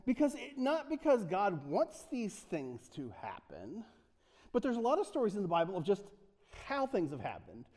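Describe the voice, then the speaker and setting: A man's voice: high-pitched, wildly swooping pitch, moderate pace, darkish tone, big-room sound. A man from the United States preaching a casual sermon in a church, joking and chatty, with many fillers and restarts. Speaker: pastor.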